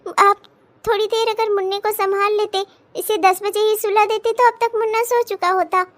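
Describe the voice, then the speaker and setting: A woman's voice: very high-pitched, level tone, moderate pace, a bit bright. A woman voicing a tired young mother in a cartoon, who talks in a pleading, anxious way. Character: tired young mother, the elder sister-in-law.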